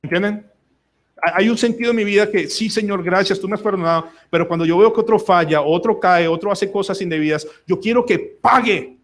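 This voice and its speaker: High-voiced pastor preaching. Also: male voice, brisk. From Colombia. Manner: emphatic preaching that acts out prayers and quoted voices. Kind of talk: sermon. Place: church service.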